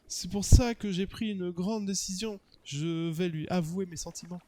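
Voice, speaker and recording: A man's voice: sits high, steady tone, normal speed, warm tone, pitched above the performer's own voice, close to an everyday voice. A man reading Camis, a shy lovestruck young man. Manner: reading game dialogue aloud with earnest, sighing delivery. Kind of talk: reading game dialogue aloud.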